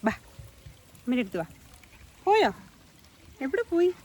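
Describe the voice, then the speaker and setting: A woman's voice: high-pitched, sing-song, measured pace, darkish tone. A woman hosting a casual walking vlog outdoors in her garden, talking into a handheld phone and coaxing her pets in baby talk. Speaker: vlog host.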